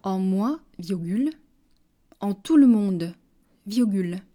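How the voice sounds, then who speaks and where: Woman, dictation reader, very slow and measured, warm mellow tone, repeats each phrase. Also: animated. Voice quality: measured, deliberate, dropping low on punctuation words. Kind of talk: slow French dictation, each phrase read twice with punctuation spoken.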